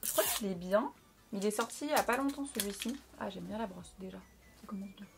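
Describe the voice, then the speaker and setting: A woman's voice: mid-range voice, a little fast, creaky, over music. A young woman chatting casually through a makeup review, frank and playful, talking at close range to her camera. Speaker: beauty vlogger.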